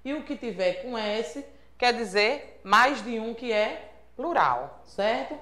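A Brazilian woman with a Sergipe accent, a primary school teacher, gives a remote lesson to young children in an echoey room. Her fairly high voice is animated, bright and forceful, and she takes it slowly. She prompts patiently in a sing-song teacherly way, checking in often with things like "certo?".

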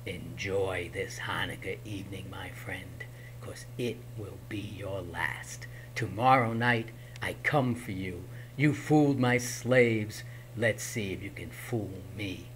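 A man voicing a menacing goblin king from a storybook in a slow, hissing, low whisper. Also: fairly bright tone. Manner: slow, threatening. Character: menacing male goblin king, ancient and cruel. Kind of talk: storybook read-aloud.

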